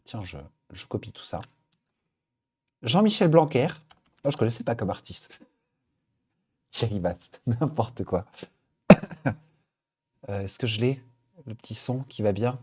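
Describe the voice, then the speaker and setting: A man's voice: mid-range voice, animated, unhurried, pauses often, a little mellow, breathy edge. A man hosting a live stream, chatting casually as he reads out viewer suggestions. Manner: upbeat, chatty, thinking aloud. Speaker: livestream host.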